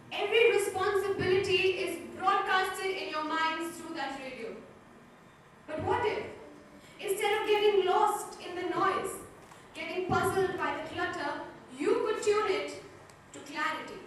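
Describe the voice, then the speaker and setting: Really high teen girl voice, precise speech contest delivery, far from mic, echoey hall with faint noise. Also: fairly bright tone. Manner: precise, deliberate, rhetorical phrasing with pauses. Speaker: school declamation contestant. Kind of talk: rehearsed competitive speech.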